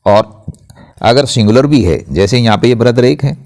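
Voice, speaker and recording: A man's voice: medium pitch, lively intonation, normal speed, darkish tone. A man teaching English grammar, explaining patiently and spelling words out letter by letter. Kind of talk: blackboard-style grammar lesson.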